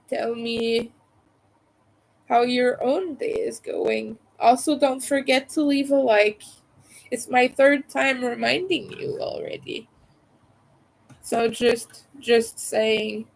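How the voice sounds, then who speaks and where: A woman's voice: a little high, gravelly, rough recording. A woman hosting a casual livestream chat in a rambling way, her voice congested and nasal from a cold, as if her nose were pinched. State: stuffy nose from a cold and allergies. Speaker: livestream host.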